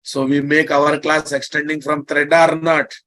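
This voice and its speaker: A man's voice: a little high, level tone, moderate pace, pushed and bright. A man with an Indian accent lecturing online as a programming instructor, bluntly teasing, repeating his phrases and checking understanding with questions.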